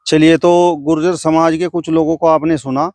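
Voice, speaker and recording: A man's voice: on the high side, little pitch movement, moderate pace, a little mellow, no echo. A male news reporter conducting street interviews, asking pointed, leading questions.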